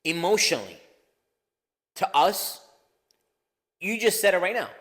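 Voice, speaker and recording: A man's voice: high voice, sing-song, measured pace, a bit bright, slightly rough, in a large hall. A man co-hosting a casual podcast, talking in a loose, profane and laughing way with lots of restarts. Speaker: podcast co-host.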